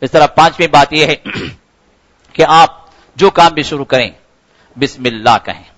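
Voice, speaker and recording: A man's voice: on the high side, a bit bright, rough recording. A man giving a Ramadan sermon, earnest and repetitive, his voice rising sharply for emphasis. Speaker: preacher.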